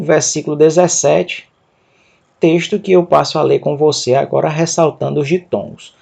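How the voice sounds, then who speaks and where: A man teaching a Greek reading lesson, sounding out words slowly and repeating them syllable by syllable, with a Brazilian Portuguese accent. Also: fairly high pitch, vocal fry, a little mellow. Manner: drawn-out, syllable-by-syllable pronunciation drills. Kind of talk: slow, careful reading lesson.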